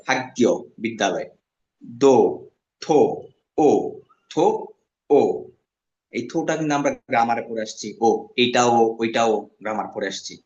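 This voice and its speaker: Man teaching a slow, repetitive language class. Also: mid-range voice. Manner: repeats each word slowly, then gives its meaning. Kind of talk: classroom lesson. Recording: echoey, dull lo-fi sound.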